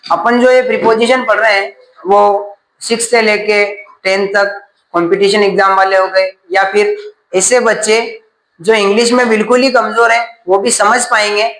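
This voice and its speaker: A man's voice: high-pitched, flat delivery, normal speed, a bit bright, echoey room, rough recording. A man teaching a grammar class, asking questions and then answering them himself.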